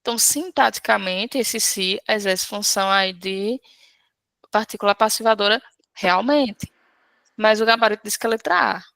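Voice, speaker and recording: A woman's voice: medium pitch, normal speed, gravelly, fairly bright tone, no room sound. Patient woman teacher, dry close sound. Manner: patient, explains step by step, checks in often with "certo?". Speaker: Portuguese teacher. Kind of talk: live class, correcting an exam.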